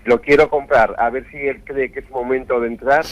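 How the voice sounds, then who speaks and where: A man's voice: medium pitch, fairly even intonation, moderate pace, no echo. A man calling a radio show, politely and formally asking the analyst about buying shares, over a muffled phone line. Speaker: caller.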